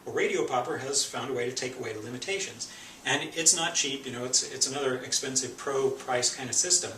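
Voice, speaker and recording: A man's voice: medium pitch, brisk, bright, forceful tone, a little hiss or hum. A male photography instructor giving an informal, conversational gear review, explaining as he goes and a little out of breath. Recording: echoey room, mic at a distance.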